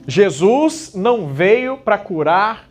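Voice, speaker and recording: A man with a Brazilian accent preaching an evangelical sermon as pastor, exhorting with repeated phrases and pauses for emphasis. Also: high voice, sing-song. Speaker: pastor preaching at a church service. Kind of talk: evangelical sermon with altar call. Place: church service, music playing behind.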